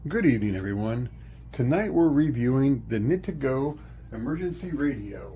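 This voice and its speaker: A product reviewer with a mellow, mid-range voice talks at a normal speed and with plenty of expression. He casually demonstrates a product, walking through it step by step in plain language. Faint background noise and room ambience can be heard.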